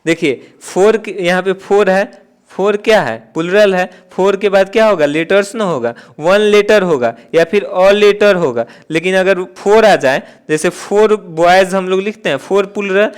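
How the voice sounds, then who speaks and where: A man with a high, smooth, clear voice gives an exam-prep grammar lesson. He works through each question step by step, asking and answering his own questions and circling back to stress the key points. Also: normal speed. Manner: repeats key points with "theek hai". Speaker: exam-prep English teacher. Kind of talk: classroom-style exam lesson.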